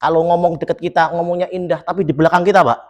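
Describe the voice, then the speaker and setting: A man's voice: on the high side, racing. A man preaching in a mosque, quizzing his listeners and joking, reciting Arabic phrases and then explaining them. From Solo, Central Java. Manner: lively, jokes and quizzes the congregation. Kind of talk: mosque sermon.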